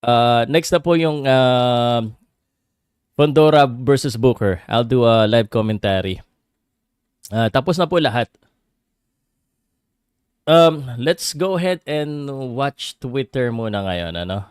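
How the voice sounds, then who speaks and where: A man with a Filipino accent hosts a casual boxing livestream, chatting with viewers and switching between English and Tagalog in a halting way. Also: mid-range voice, lively intonation, clear, resonant tone, no echo, clean studio sound. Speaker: livestream host and boxing commentator.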